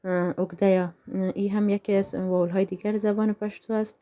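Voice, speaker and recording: Woman teacher, mellow voice, slow careful word-by-word reading. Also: mid-range voice, level tone. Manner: reads each term slowly one by one, then translates with many fillers. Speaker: language teacher. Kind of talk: bilingual lesson explaining and reading example words.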